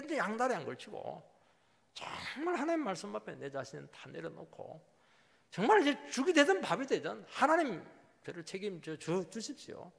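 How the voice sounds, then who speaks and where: Gravelly Korean pastor preaching in a reverberant hall. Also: male voice. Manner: emphatic preaching, voice swinging from loud highs to quiet drops. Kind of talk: sermon. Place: church sanctuary.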